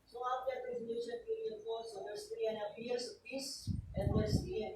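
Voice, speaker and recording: A man's voice: extremely high pitch, big pitch swings, normal speed, a little mellow. A man preaching a sermon as pastor, telling a story in a mix of Tagalog and English and often asking "diba?". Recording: echoey, distant church recording with noise.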